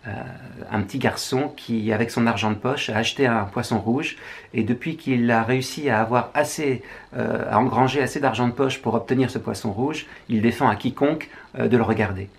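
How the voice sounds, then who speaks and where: A man's voice: medium pitch, brisk, vocal fry. A French man, a writer, musing through a book review with wry asides. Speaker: writer presenting books.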